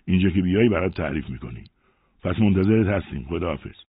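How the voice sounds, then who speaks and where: A man's voice: sits low, animated, breathy edge, no echo, heavily acted. A man voicing a mischievous schoolboy friend who fakes a stutter to hide who he is. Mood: sly. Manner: fakes a stutter to disguise himself. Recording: dry, phone-like narrow sound.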